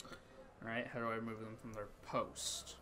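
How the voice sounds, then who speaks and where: A man's voice: lowish voice, flat delivery, normal speed, background noise. A man giving casual let's play commentary on a video game. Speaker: gamer commentator. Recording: game music behind the voice. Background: game music.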